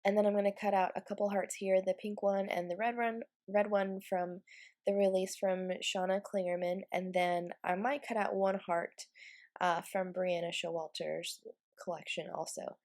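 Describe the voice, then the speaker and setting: Congested from a cold, a young woman narrates her Bible journaling craft video in a stuffy, nasal voice. Her medium pitch is a little mellow, her delivery flat at a moderate pace, yet she stays chatty with fillers and soft laughs.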